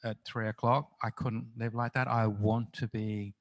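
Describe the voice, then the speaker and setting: In a festival interview, an Australian crime novelist in middle age shares stories chattily, with plenty of fillers, false starts, and self-deprecation. His fairly low voice stays level and moves at a normal pace.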